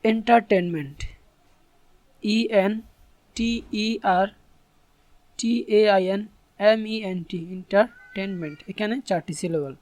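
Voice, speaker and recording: A man's voice: high-pitched, takes it slowly, pauses often, a little mellow, dry recording. A man teaching English in an online tutorial. He explains patiently and spells words out letter by letter.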